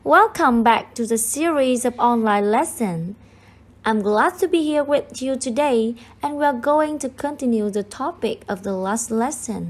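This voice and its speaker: High-voiced Vietnamese woman teaching English. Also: darkish tone. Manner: clear, measured teacher delivery. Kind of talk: online lesson narration.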